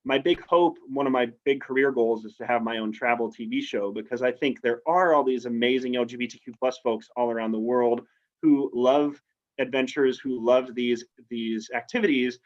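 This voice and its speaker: An American outdoor adventurer, guesting in a casual interview over a video call, speaks in an upbeat, persuasive way. His voice is mid-range at a moderate pace, and the lo-fi audio sounds slightly dull.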